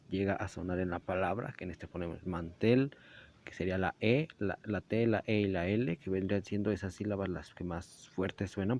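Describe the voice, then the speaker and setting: A man's voice: sits low, darkish tone, a little hiss or hum. A young man giving a class presentation, explaining step by step with small slips and self-corrections. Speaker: student presenter. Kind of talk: school presentation narration. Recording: dull lo-fi recording.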